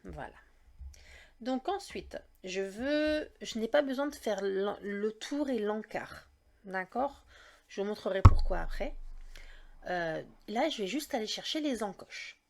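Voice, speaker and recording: A woman's voice: medium pitch, animated, slow pace, creaky. A woman hosting a casual step-by-step craft tutorial, chatty and explaining each click as she goes. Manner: chatty, leans on "donc" and "d'accord?".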